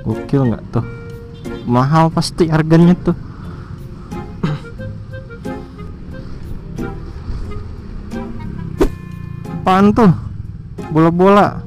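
Weaving through city traffic on his motorcycle, a young vlogger keeps up a joking, slangy running commentary and ribs other riders. His voice is high-leaning, animated and darkish, delivered very slowly with long pauses. Faint music plays in the background.

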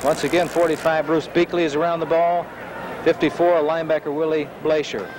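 A man's voice: on the high side, flat delivery, fairly quick. An American man calling live football play-by-play on a 1970s TV broadcast from an indoor stadium. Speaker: play-by-play sportscaster. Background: loud stadium noise.

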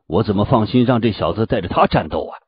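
Brief: man playing smug teasing old master, husky, lively, lo-fi storybook. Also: fairly low pitch, fast talker, no echo. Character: smug older male master, possessive. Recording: dull, dry lo-fi audio.

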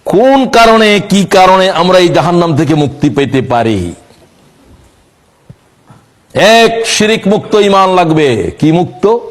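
A man preaching a sermon, moving between plain speech, sing-song chanted recitation and sudden high exclamations. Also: big pitch swings, normal speed, hardly any pauses.

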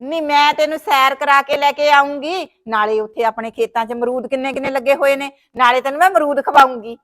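A woman with a Punjabi accent plays a worried, theatrical sister-in-law caring for her brother's wife, wailing dramatically and scolding with nagging advice. The acting is plain and homely, typical of a village short film, and her high voice is fairly quick and fairly bright.

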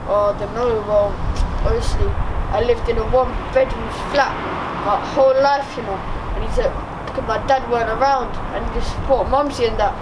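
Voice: mid-range voice, fairly even intonation, brisk, lightly acted. An actor playing a cocky thirteen-year-old wannabe roadman boy with a London accent, talking tough in street slang in a comedy sketch. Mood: boastful. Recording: noisy outdoor recording, distant mic.

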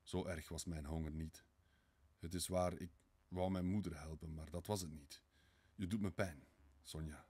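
A man's voice: low-pitched, steady tone, moderate pace, long pauses, a little mellow, husky. A man voicing a weary, brooding young murderer in an audiobook reading, tired, curt and muttering.

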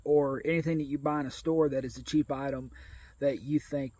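Speaking briskly in a steady, warm, mid-range voice that is slightly rough, this American outdoor video host sounds folksy and conversational. Around his thirties, he reviews gear casually to camera in a grassy rural yard, with no echo on the recording.

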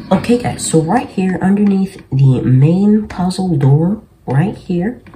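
A young man with a fairly high voice hosts a gaming video, giving casual walkthrough commentary from a small indoor bedroom. Game music plays, and the background is noisy.

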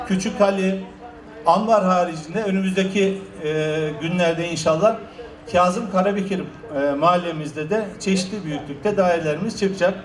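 A male official gives an explanatory public address in a high-pitched voice. The room around him echoes noticeably. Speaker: municipal official. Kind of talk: public address before an auction.

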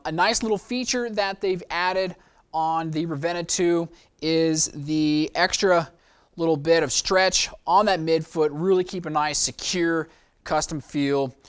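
Host vlog pria, usia 30-an, agak tinggi, nada bersemangat ala penjual, mik lapel di studio. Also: male voice, a little high. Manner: upbeat salesy delivery with filler ums. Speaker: shoe store vlog host. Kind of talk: product review vlog. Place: indoor studio with shoe shelves.

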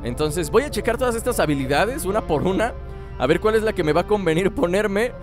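Joking gamer with game music. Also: male voice, high-pitched, expressive, a little fast. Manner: joking, chatty, laughs often. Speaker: gaming channel host. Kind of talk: let's play commentary.

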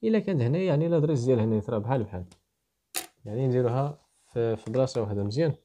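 Fast-talking Moroccan man teaching code. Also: mid-range voice, animated, mellow, slight background noise. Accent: Moroccan Arabic. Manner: walks through code step by step, thinks aloud. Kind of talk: explaining programming to students.

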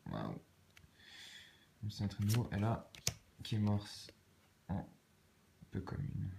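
A man with a Swiss French accent, calmly muttering card names and soft exclamations as he opens packs in a casual vlog. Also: lowish voice, slow pace, creaky, noisy background. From Switzerland. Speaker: card-opening vlogger. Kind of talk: casual commentary while opening cards.

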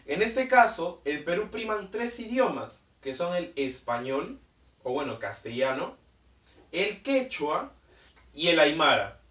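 A man from Peru explains a lesson slowly, pausing to check in with his students and drawing out key words. His voice sits slightly high. He sounds set back from the mic in an echoey room. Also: big pitch swings, a bit bright, distant mic. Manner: checks in with "¿bien?" and "¿listo?" often. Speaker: teacher. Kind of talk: language lesson.

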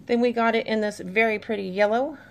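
A woman in her thirties chats easily to camera about things she bought, reading labels aloud as she goes. Her voice sits a little high, with a gravelly fry running through it. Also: steady tone, brisk. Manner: chatty, reads labels aloud, easygoing. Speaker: vlogger mom showing a shopping haul. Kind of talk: casual chat to camera.

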